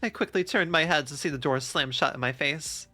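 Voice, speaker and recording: A streamer narrating a game story live with a bright, forceful tone and mid pitch. Reads steadily, but laughs and jokes between lines. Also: brisk, faint music behind. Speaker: streamer reading and voicing a game.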